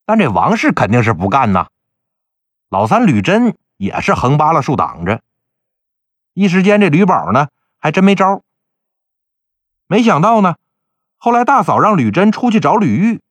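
A male storyteller telling a folk tale in lively, colloquial speech. His pitch sits a little high and moves a lot, and the recording is dry and close. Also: normal speed, long pauses, no echo. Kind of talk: storytelling narration.

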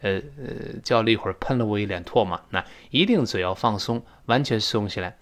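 A man teaching spoken English in Chinese, explaining pronunciation and acting out sounds and sighs. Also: lowish voice. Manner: lively, demonstrates pronunciation with drawn-out sounds. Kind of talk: spoken English lesson podcast.

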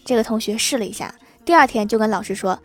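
A woman hosting a comedy podcast, reading out funny anecdotes in a lively, playful way and laughing at her own punchlines. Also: mid-range voice, quick pace. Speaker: podcast host.

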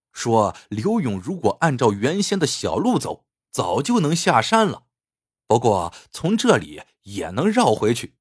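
Lively male storyteller, dry studio sound. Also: mid-range voice, breathy edge, no echo. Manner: expressive, animated storytelling. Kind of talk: scripted story narration.

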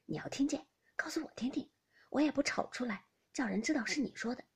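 A woman voicing an anxious noble mother near fifty, in a soft, breathy half-whisper for an audiobook of a classic novel. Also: high-pitched, a little fast, heavily acted. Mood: probing.

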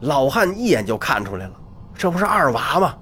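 A man telling a traditional Chinese story, dramatic and animated, with vocal sound effects. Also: medium pitch, brisk, slight background noise.

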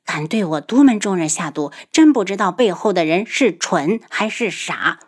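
Woman playing a hoarse young swordswoman, proud, audiobook character, husky low voice. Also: animated, moderate pace. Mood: bitter. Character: young martial woman, poisoned, proud and upset.

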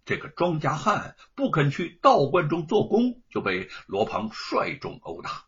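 A man narrating a story in an animated, dramatic storytelling manner. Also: on the high side, a little slow, husky. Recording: dull lo-fi recording.

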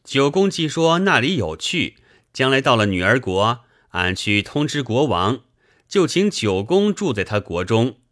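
Dude doing a loud-mouthed merchant, bragging, up and down a lot. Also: male voice, medium pitch, big pitch swings, unhurried, no room sound, clean studio sound. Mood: boastful. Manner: blunt, boastful, folksy. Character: brash middle-aged male merchant, blunt and boastful.

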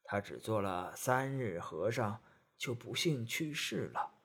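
A man voicing a kindly old woman, a goddess in disguise, in a storybook tale, speaking slowly and softly. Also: medium pitch, very animated, vocal fry, breathy edge, exaggerated voice. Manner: slow, soft and coaxing.

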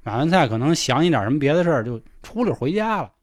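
A man's voice: a little high, fast talker, dry recording, clean studio sound. A man with a Beijing accent, a podcast host telling a funny story in casual chat and acting out the people in it. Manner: animated, acts out the others in the story.

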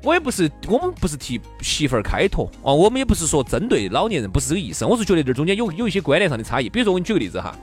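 High-voiced, lively Sichuanese man chatting. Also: racing, hardly any pauses, faint music behind. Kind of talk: casual opinionated chat.

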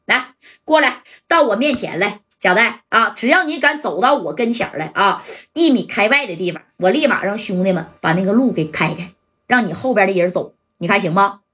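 A woman's voice: mid-range voice, animated, a little fast, a bit bright, husky. A woman voicing a ruthless male gang boss, coaxing and menacing. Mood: coaxing menace.

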